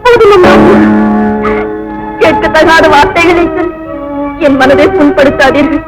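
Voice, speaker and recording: A desperate, imploring young wife. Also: female voice, high voice, a little slow, low-quality recording. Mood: pleading. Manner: impassioned, imploring, tearful. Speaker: pleading young wife and mother. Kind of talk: 1950s film melodrama acting. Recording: old film soundtrack with loud music.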